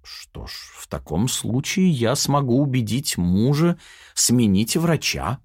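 A man's voice: medium pitch, big pitch swings, takes it slowly, darkish tone, dry recording, clean studio sound, voice pushed up. A man voicing a cocky, scheming young woman who taunts her timid other self. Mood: mocking.

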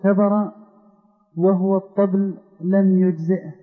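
A man reading a religious text aloud for the lesson in an even, recited delivery. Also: high-pitched, measured pace. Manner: flat recitation. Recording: tinny phone-like hall recording with long reverb.

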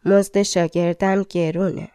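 A woman's voice: fairly low pitch, steady tone, dark tone, clean tone, no echo, clean studio sound, natural voice. A woman reading a storybook, voicing a weary, grieving old cobbler who laments his lost son. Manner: sorrowful, lamenting.

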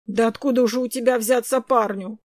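A woman voicing an elderly neighbor, a shrill and scolding old woman. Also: fairly even intonation, a little fast, darkish tone, dry recording, lightly acted. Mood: scornful.

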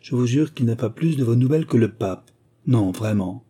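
A man's voice: mid-range voice, lively intonation, moderate pace, warm tone, husky. A man voicing a chatty, loyal young manservant who talks in a familiar, blunt way in an audiobook reading. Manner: familiar and talkative, swearing by God.

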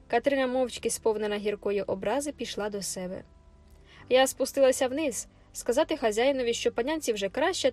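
A woman's voice: a little high, darkish tone. A woman reading an audiobook expressively, her voice turning stern and scolding in the housekeeper's lines, over faint music. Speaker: audiobook narrator.

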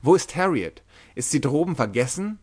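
A man reading an audiobook, voicing a firm, commanding leader who shouts orders in a crisis. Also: a little high, very animated, moderate pace, slightly rough, pitched above the performer's own voice. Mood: alarmed. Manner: firm, authoritative, urgent shouting. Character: commanding man leading people in a collapsing tower.

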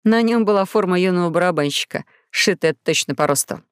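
A woman's voice: on the low side, brisk, clear, resonant tone, dry recording, clean studio sound. Woman narrating a children's audiobook. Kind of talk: scripted storybook narration. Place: recording studio.

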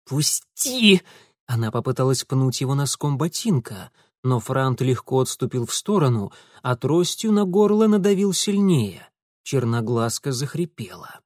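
A man giving an expressive, dramatic audiobook narration. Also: medium pitch, normal speed, no room sound, studio quality. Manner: dramatic, lively storytelling.

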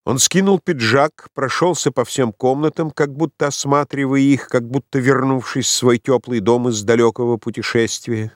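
A man narrating a literary audiobook in a measured, expressive reading. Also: medium pitch, dry recording, clean studio sound. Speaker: audiobook reader.

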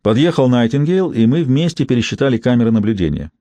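A man's voice: medium pitch, animated, fast talker, mellow, dry recording. A man narrating a first-person audiobook in a dry, ironic storytelling manner.

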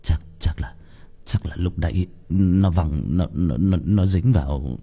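A man's voice: a little slow, creaky, dark tone, husky, exaggerated voice. A man voicing a terrified young male servant who stammers and pleads with a ghost, in a horror audiobook. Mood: shaken. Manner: stammering, pleading, shrill with fear.

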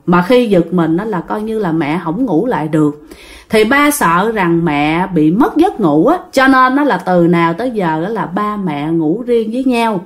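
A woman with a Southern Vietnamese accent telling a ghost story in a casual way, talking straight to her listeners. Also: fairly low pitch. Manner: animated, addresses listeners directly.

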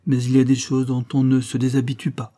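A man's voice: mid-range voice, monotone, fast, warm tone, lightly acted. A man voicing an affected middle-aged woman posing as a Parisian countess, with a theatrical, wistful, mock-aristocratic manner. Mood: plaintive.

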